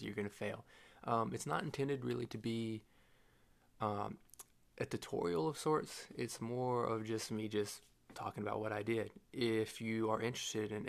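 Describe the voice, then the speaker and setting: A man's voice: on the low side, vocal fry. A young man hosting his own podcast alone, talking in a rambling, joking way with a groggy morning voice. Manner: rambling, self-correcting, jokey. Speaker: podcast host. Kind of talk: casual solo podcast talk.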